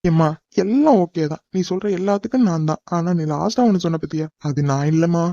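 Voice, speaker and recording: Fast mellow-voiced man, cartoon dub. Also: on the high side, no room sound. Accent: Tamil. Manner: exasperated and pleading. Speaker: voice actor in a cartoon. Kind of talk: animated cartoon dub acting. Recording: dull dry lo-fi recording.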